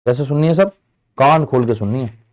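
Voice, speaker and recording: A young man teaching an online Hindi exam-prep lesson in a chatty way, calling his students friend and brother, acting out their replies, and slowing down to drag out key definitions. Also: mid-range voice, darkish tone. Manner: slows down and drags out key definitions.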